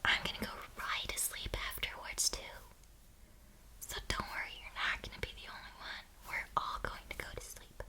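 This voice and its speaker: A woman doing a whispered role-play as a doting caregiver at bedtime, speaking tenderly and reassuringly in a breathy whisper. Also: bright, forceful tone. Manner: slow, tender, reassuring personal attention. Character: doting, soothing caregiver tucking someone in at bedtime. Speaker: ASMR host playing a caring bedtime companion.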